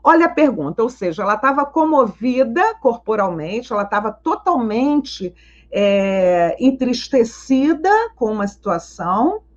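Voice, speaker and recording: A woman psychologist teaching in a live online Q&A, animated and teacherly, telling anecdotes and asking rhetorical questions. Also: on the high side, measured pace, lo-fi sound. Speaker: psychologist and schema therapy teacher.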